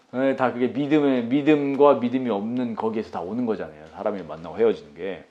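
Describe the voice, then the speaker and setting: A man's voice: medium pitch, moderate pace, highs cut off. A man in his thirties preaching a Sunday sermon as pastor, in a casual, conversational way, asking his listeners questions and laughing now and then.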